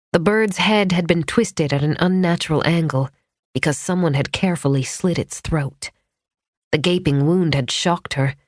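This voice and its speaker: A woman narrating a mystery thriller audiobook in a measured, tense storytelling manner. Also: sits low, no echo. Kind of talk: scripted narration. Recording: dry studio audiobook.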